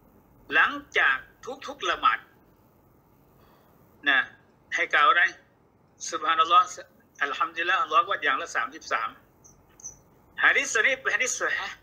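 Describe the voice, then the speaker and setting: Husky, bright-voiced male teacher. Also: a little high, brisk, pauses often, highs cut off. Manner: explains and repeats points, quotes Arabic texts. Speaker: religious teacher. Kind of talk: book lecture.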